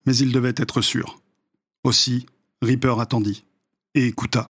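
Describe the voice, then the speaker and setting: A man reading a story aloud as narrator, at a measured, even pace. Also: mid-range voice, breathy edge. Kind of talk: audiobook narration.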